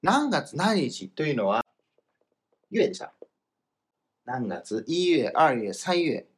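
A man teaching Chinese grammar in a casual, explanatory lesson, slowing down for the example phrases. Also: on the high side, big pitch swings. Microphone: voice message recording.

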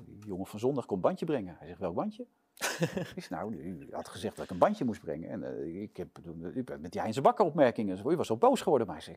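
A man tells a story at a quick clip, his voice jumping up whenever he acts out someone shouting. He sits as the guest in an interview and keeps the tale rolling. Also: mid-range voice, creaky, slightly rough. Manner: lively storyteller acting out shouted quotes. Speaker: interview guest, sports presenter. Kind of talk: animated anecdote telling.

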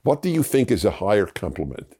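Man, show host, casual chat to viewers, animated swooping pitch, stumbling restarts, digressive. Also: brisk, husky. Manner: digressive, restarts and repeats words; laughs at himself while explaining.

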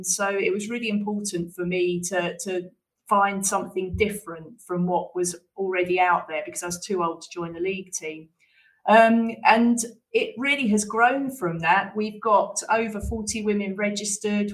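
Woman, 30s, grassroots club founder; hesitant, um-heavy, slightly distant mic. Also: mid-range voice. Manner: warm, hesitant with many ums. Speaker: women's football club founder. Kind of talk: radio interview answer.

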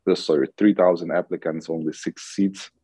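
A man's voice: deep voice, steady tone, normal speed, mellow, slightly rough, dry recording, low-quality recording. A man in his thirties from Ukraine, with a Ukrainian accent, talking about his career as a podcast guest, rambling with many fillers and restarts. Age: 30s. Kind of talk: podcast interview.

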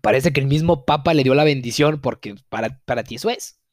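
A man's voice: medium pitch, fairly quick, dry recording, studio quality. A young man with a Mexican accent tells a viewer's story in a casual, profane, mock-outraged way, with frequent laughter.

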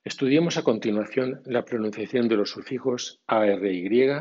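A man teaching English pronunciation in a scripted podcast lesson, reading rules and word lists slowly and deliberately. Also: lowish voice, a little mellow, husky, lo-fi sound.

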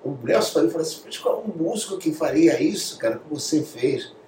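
A Brazilian guest in a casual interview shares anecdotes from the studio, animatedly acting out quotes and sometimes dropping to a whisper. His voice is a little high and fairly quick. The room echoes, the mic is distant, and there's faint noise.

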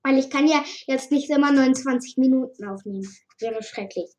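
A woman's voice: sits high, brisk, darkish tone, poor audio. A woman casually reading a first-person adventure story aloud, with slips and restarts along the way. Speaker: storybook reader.

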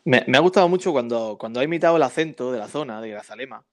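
Casting note: man, chatty storyteller, medium pitch, casual football podcast co-host. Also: lively intonation, racing. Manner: chatty storyteller, frequent tag questions.

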